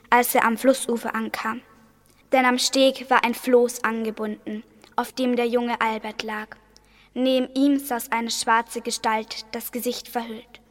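Flat-voiced teenage girl narrating a spooky tale. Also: on the high side, long reverb tail. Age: teens. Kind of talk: school radio play narration.

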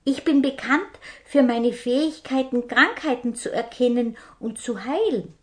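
A woman voicing a calm, cunning pilgrim herb man who speaks gently and kindly. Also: a little high, measured pace, voice pushed up.

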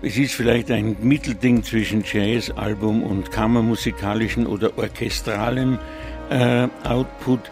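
On a live music radio show, a man speaks off the cuff at a measured pace, his low voice fairly even in intonation. Slightly congested, he's hesitant and digressive, often fixing what he just said, while music runs under his voice.

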